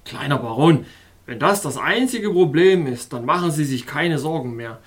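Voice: medium pitch, expressive, normal speed, pitched below the performer's own voice, close to an everyday voice. A reader voicing a male official of an ice kingdom in an audiobook, reassuring and matter-of-fact. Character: master of the meat quarries, helpful male official. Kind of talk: audiobook character voice.

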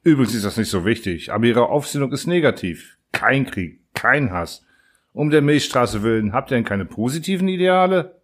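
A man reading an audiobook and voicing a huge male alien diplomat who is impatient and condescending, with brisk questions that rise sharply. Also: medium pitch, lively intonation, lightly acted. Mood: disdainful. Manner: brisk, lofty and faintly disdainful, questions rising sharply. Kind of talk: audiobook character voice.

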